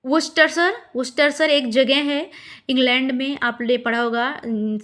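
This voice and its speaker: A woman teaching difficult English words to exam students, patiently repeating each word and its meaning and spelling it out letter by letter, with frequent pauses and fillers. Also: high-pitched, fairly even intonation, fairly bright tone. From India.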